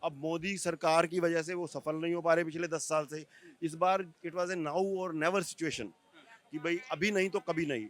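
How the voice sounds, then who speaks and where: A man's voice: on the high side, steady tone, moderate pace. Man making accusatory political points. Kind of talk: political commentary.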